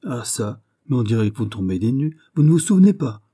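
A man's voice: medium pitch, big pitch swings, a little fast, warm tone, husky. A man playing a sly Gascon musketeer. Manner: confident, teasing.

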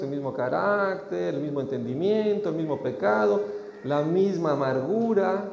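Gravelly preacher in an echoing church. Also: male voice, on the high side, warm tone. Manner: preaching with rising emphasis, acting out dialogues. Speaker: pastor. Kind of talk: sermon. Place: church hall. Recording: echoey hall, dull sound, faint noise.

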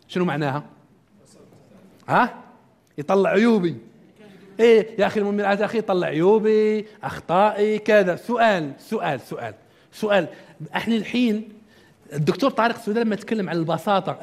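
Animated high-voiced man lecturing fast. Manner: animated, asks the audience questions and answers them. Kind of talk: interactive lecture to a live audience.

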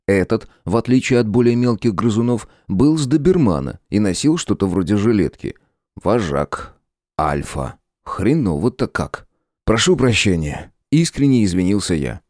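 A man reading a first-person audiobook in a gruff, sardonic storytelling manner. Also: fairly low pitch, dark tone, dry recording, clean studio sound. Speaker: audiobook narrator.

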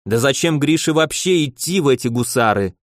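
A man's voice: mid-range voice, lively intonation, moderate pace, no room sound, studio quality, close to an everyday voice. A man voicing a timid henpecked nobleman who pleads with his wife in a plaintive, sighing way. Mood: pleading. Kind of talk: audiobook character voice.

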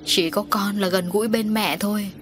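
A woman's voice: mid-range voice, steady tone, normal speed, soft background music, natural voice. Audiobook: grieving mother, despairing lament, woman reader. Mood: sorrowful lament. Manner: lamenting, sorrowful. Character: grieving middle-aged mother, tearful and despairing.

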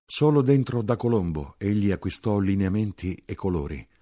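Deep-voiced male audiobook narrator. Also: animated, warm tone. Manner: measured, evocative. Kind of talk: literary audiobook reading.

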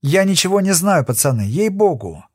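A frightened young convict whines and begs for mercy, as a male audiobook reader puts him on. His voice sits high and swings up and down as he pleads, heard close and dry. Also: sing-song, moderate pace, darkish tone, husky, no echo, full character voice. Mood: pleading. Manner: pleading, whining.

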